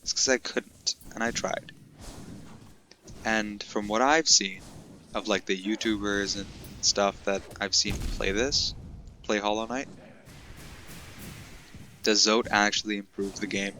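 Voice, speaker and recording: A young man giving casual, chatty let's-play commentary, excitable and talking straight to his viewers. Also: fairly low pitch, takes it slowly, long pauses, a little hiss or hum. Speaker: gaming commentator.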